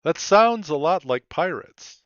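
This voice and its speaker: A man running a tabletop role-play game, speaking measured and filling pauses with ums and uhs. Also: on the high side, lively intonation, a bit bright, no room sound, dull audio. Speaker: game master. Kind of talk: tabletop role-play narration and character voicing.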